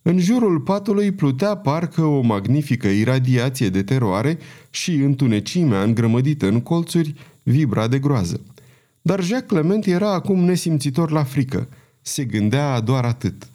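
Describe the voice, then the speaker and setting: A man narrating a historical novel as an audiobook in a steady, even reading. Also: medium pitch. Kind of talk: scripted literary narration.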